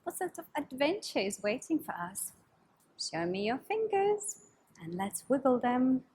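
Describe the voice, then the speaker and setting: Animated, high-voiced woman hosting kids' yoga. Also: measured pace, slightly rough. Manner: animated, overbright children's party-host delivery, coaxing and sing-song. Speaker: children's yoga teacher and story host. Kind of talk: kids' yoga lesson with storytelling.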